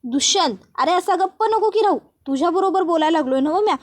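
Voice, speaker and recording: A stern older village matriarch, as a woman puts her on, scornful and cold toward her daughter-in-law. She speaks in in a high voice, full of threat. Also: animated, fast. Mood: demanding.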